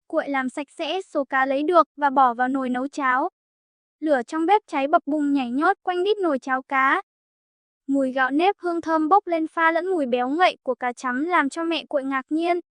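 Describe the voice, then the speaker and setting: High-voiced woman reading a folk tale. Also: fairly quick, a bit bright, no echo. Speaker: storyteller.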